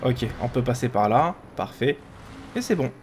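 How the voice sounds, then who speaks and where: A male gaming host gives casual running commentary in a medium-pitched voice. He chats away as if thinking aloud to himself. There is light background noise behind him. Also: expressive, moderate pace, a little mellow. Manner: chatty, talking to himself.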